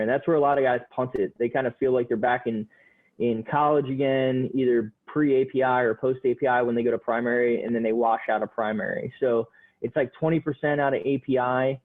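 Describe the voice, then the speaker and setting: A man in his thirties chats easily about his service, loose and rambling, full of "like" and "um." His voice comes through a narrow, tinny line, as if from a phone call. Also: medium pitch. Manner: laid-back, many fillers and "like". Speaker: Marine pilot guest. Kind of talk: casual podcast interview.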